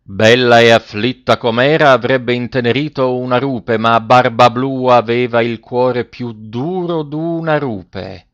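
Reading a storybook fairy tale aloud, this male narrator keeps his delivery measured yet expressive. The mid-range voice comes through a dry, somewhat muffled recording.

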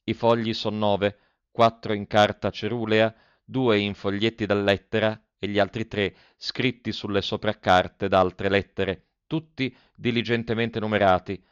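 A man reading the letter of a cautious old nun in a measured, formal and ceremonious way. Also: on the low side, level tone, smooth, no echo, lo-fi sound, natural voice. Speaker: audiobook reader.

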